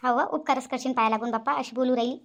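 A woman's voice: sits high, rapid-fire. A woman voicing a bossy, sarcastic older mother-in-law in a cartoon, with a nagging, scolding way of talking. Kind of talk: cartoon voice acting.

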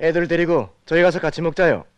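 A man's voice: on the high side, fast, heavy background noise, lightly acted. An actor with a North Korean accent playing an earnest, encouraging male coach in his thirties in a film drama, speaking instructively. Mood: friendly, instructive. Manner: animated, instructive.

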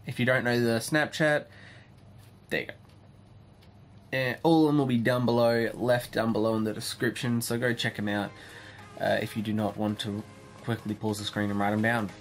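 A young man hosting a casual bedroom vlog, his voice tired and drained. He rambles along loosely and swears freely, at a middling pitch. Faint music plays softly behind him. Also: level tone, moderate pace, long pauses. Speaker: channel host.

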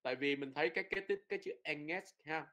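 Guy teaching pronunciation, bright kinda high voice, repeats words a lot. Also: fast talker. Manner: repeats drill words, explanatory, frequent "nha" tags. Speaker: Norwegian language teacher. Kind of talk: online pronunciation lesson.

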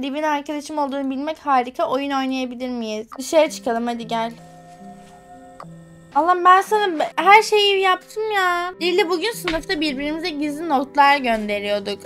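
A young woman streamer commenting on a game and reading its lines aloud, emotional and quick to exclaim. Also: high voice. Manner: emotional, exclaims and swears at the game, on the verge of tears. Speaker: gaming streamer. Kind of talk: casual let's play commentary, reading game text aloud. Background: faint game music.

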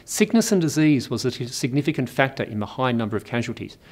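Australian man giving a measured history lecture. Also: mid-range voice, expressive. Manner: measured, precise delivery with occasional slips. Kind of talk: scripted educational lecture.

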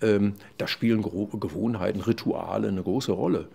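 An older man, a psychology professor, explaining at length in an interview, with many fillers and restarts and a louder voice when he quotes others. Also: on the low side, moderate pace, gravelly, husky. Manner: animated, loud when quoting others. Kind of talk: conversational explanation.

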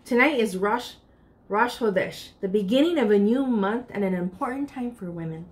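A woman in her thirties reads a picture book aloud at library storytime, expressive and speaking straight to the children. Her mid-range voice has lively intonation and a moderate pace, and she's in a furnished indoor room.

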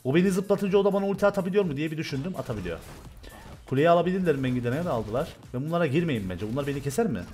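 A young man from Turkey commentating loudly and excitedly on his own gameplay, swearing and shouting at the game. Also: a little high, rapid-fire, soft background music. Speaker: gaming streamer.

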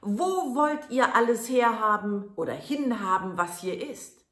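A woman voicing a tiny, sly, mischievous boy in a storybook reading, in a high, loud, teasing voice. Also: animated, normal speed, natural voice. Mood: loud, mocking. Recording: echoey room.

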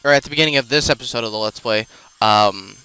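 A man's voice: mid-range voice, quick pace, bright, forceful tone, clean tone, dry recording. A man casually commenting while he plays a video game, rambling with many fillers and self-corrections as he explains what he is doing. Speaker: let's play host.

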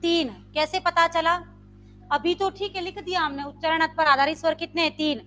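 A woman's voice: extremely high pitch, fairly even intonation, normal speed, faint music behind. A woman Sanskrit teacher, teaching a live online grammar class and quizzing her students with repeated questions. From India. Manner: quizzing students with repeated questions, demonstrating loud and soft sounds.

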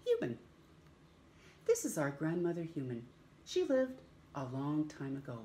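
In a small indoor room at home, a middle-aged storytime host reads a picture book to young kids, dramatically drawing out words and asking them questions. Her voice sits low and warm, swooping wildly in pitch at a slightly slow pace, with a faint hiss or hum in the background.

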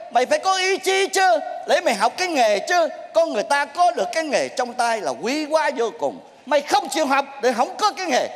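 A man with a Southern Vietnamese accent plays an exasperated troupe master, scolding and shouting in a live stage comedy sketch. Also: extremely high pitch, in a large hall. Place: theater stage.

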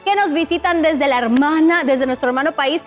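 A woman, presenting a TV cooking show in a lively, welcoming way. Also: high voice, fairly quick, faint music behind. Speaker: TV host. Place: TV studio set.

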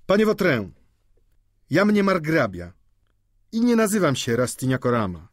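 A man's voice: sits high, slow, pushed and bright, dry recording, studio quality, voice pushed up, exaggerated voice. A man voicing a proud, touchy young male student who answers coldly and defiantly. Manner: cold, defiant.

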